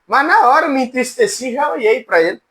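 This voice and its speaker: High-voiced man teaching a church class. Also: expressive, quick pace, a bit bright. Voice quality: high, cracked voice. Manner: folksy and humorous, addressing students by name. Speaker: Bible teacher. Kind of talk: informal church class lecture.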